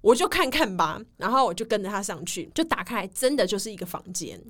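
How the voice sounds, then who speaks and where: A woman's voice: medium pitch, quick pace. A woman co-hosting a casual podcast chat, telling a travel story and acting out the voices of people in it. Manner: animated, acts out dialogue in her story. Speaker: podcast co-host.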